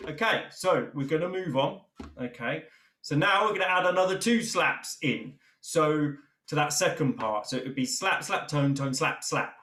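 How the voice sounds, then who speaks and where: A man teaching a djembe lesson in a relaxed, encouraging way, counting drum strokes aloud. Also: fairly high pitch, moderate pace, a little hiss or hum. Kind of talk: online percussion lesson. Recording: roomy sound with loud drumming. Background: djembe drumming.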